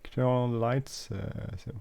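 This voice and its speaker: An unhurried, mid-range male voice, creaky and a little mellow with fairly even intonation, carries this casual gameplay walkthrough. The speaker is a flight sim video host and non-native English speaker who moves through a flight simulator hesitantly, with many fillers and self-corrections.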